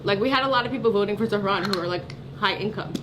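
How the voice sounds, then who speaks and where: A New York City woman, 30s or older, speaks quickly in a medium-pitched voice as a political candidate. Her style is casual, earnest and emphatic, like an interview of conversational advocacy, with faint ambient noise in the background.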